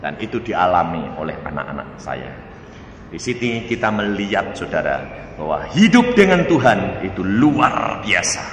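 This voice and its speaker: Middle-aged guy preaching, voice jumps all over high and low, big echoey hall, bit of room hiss. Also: moderate pace. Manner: animated, swings from loud outbursts to hushed asides. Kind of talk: sermon with storytelling. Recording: reverberant hall, faint room noise.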